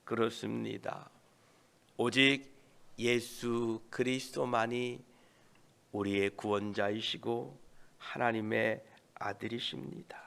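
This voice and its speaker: A man preaching an early-morning prayer sermon as pastor, slowly expounding and reading scripture aloud. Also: medium pitch, vocal fry, sharp tone, clean tone. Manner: slow, deliberate Bible exposition with scripture reading.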